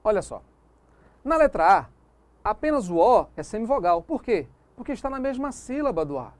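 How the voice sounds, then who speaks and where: A woman's voice: medium pitch, very animated, normal speed, a little mellow, no room sound. A woman teaching a recorded grammar lesson, explaining step by step and often checking that the viewer follows. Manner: didactic, checks understanding with tag questions. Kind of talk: recorded video lesson on phonetics.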